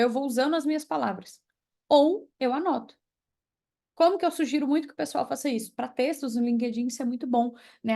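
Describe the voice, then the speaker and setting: A young Brazilian woman with a Brazilian Portuguese accent and a high, gravelly voice gives an online class or mentoring talk. She coaches environmental professionals on learning English, lively and emphatic as she works through examples.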